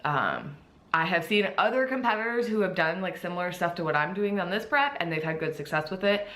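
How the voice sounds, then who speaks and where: Woman, slightly low pitch, bright tone, slight retainer lisp, upbeat, casual chatty vlog delivery. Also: animated, fairly quick. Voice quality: slight lisp from wearing clear dental aligners. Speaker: vlogger, bikini competitor.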